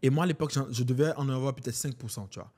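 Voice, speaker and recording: Very fast speech in a mid-range voice comes from a twenty-something podcast guest from Benin. He speaks with a Beninese French accent, keeps things casual, animated and slangy, and keeps saying "en fait, tu vois".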